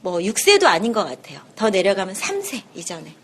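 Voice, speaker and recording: A woman lecturer giving a lively seminar talk, asking the audience questions and acting out little scenes. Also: medium pitch, brisk, a little hiss or hum. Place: seminar room.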